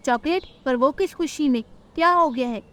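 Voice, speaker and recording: A grumpy neighbor auntie bird from a cartoon story, curt and scornful, as a woman puts her on. Her high voice turns people away. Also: normal speed, fairly bright tone.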